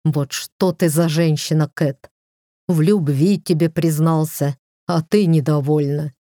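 A woman voicing a gruff, protective young husband in an audiobook, with slow, growling lines. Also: deep voice, steady tone, warm tone, no room sound, clean studio sound. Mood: exasperated.

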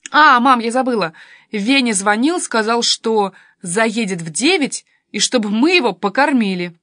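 Woman voicing a cheeky teenage girl, pitched high. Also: lively intonation, a bit bright, no room sound, studio quality. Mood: teasing. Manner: quick, teasing, pert.

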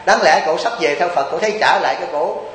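A man's voice: on the high side, quick pace, a bit bright, reverberant, big-room sound, low-quality recording. A Buddhist monk from Vietnam gives a chatty, joking sermon, teasing his listeners and asking them rhetorical questions.

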